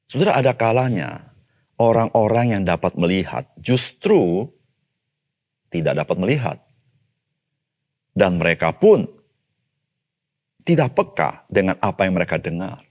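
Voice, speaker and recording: A man giving a devotional sermon as a pastor, speaking straight to his listeners, calling out some phrases loudly and dropping others low and quiet. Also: very animated, unhurried, long pauses. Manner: addresses listeners as "Saudara"; swings between raised, emphatic calls and low, quiet asides.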